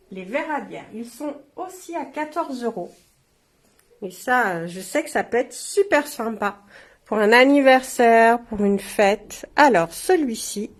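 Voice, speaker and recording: A woman chatting casually to viewers as she shows off engraved glasses. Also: high-pitched. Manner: chatty, warm asides to viewers. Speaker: shop presenter. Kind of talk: casual product showcase.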